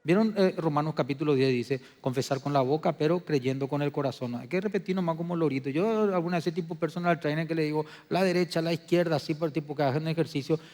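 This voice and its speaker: A pastor delivers his sermon in a fairly high voice. He moves between soft, hushed testimony and loud, emphatic preaching. The church hall adds a long reverb behind him. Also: fast, hardly any pauses. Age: adult. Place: church sanctuary.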